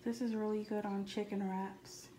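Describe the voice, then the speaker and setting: A woman vlogger calmly listing her groceries in a relaxed, matter-of-fact voice-over. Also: medium pitch, moderate pace. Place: home kitchen. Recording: echoey room with clear background noise.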